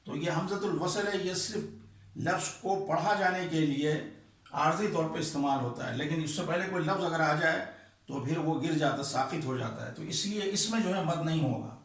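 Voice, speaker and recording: A man's voice: a little high, far from the mic. Man teaching recitation rules in an echoey room. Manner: patient, repeats terms slowly, checks understanding with "ٹھیک ہے"; demonstrates by stretching vowels in chanted examples. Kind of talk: explaining recitation rules at a board.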